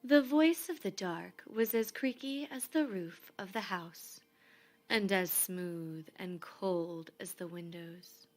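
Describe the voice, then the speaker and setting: A woman reading a children's story aloud expressively, in measured phrases that often fall to a hush. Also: fairly low pitch. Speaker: storybook reader.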